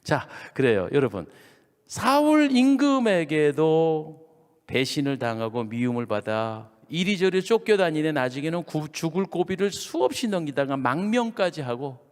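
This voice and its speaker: Chungcheong-accented pastor preaching, voice jumps all over, long echo in the church. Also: male voice, a little high, normal speed. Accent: Chungcheong Korean. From Chungcheong, Korea. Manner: animated storytelling, drops to hushed asides. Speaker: senior pastor. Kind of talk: revival sermon. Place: church sanctuary.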